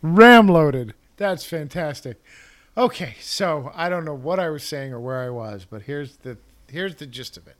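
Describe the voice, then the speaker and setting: A man's voice: on the high side, normal speed. A man co-hosting a casual movie-awards podcast, rambling and losing his thread, then correcting himself. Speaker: podcast co-host. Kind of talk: casual film-awards chat.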